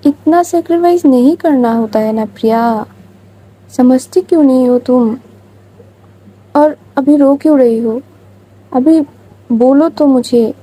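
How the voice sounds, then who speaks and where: A woman's voice: high-pitched, unhurried, long pauses, mellow, husky, poor audio. A woman voicing a blunt young woman who nags and scolds her best friend with impatient questions, in a storytelling reading. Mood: pressing.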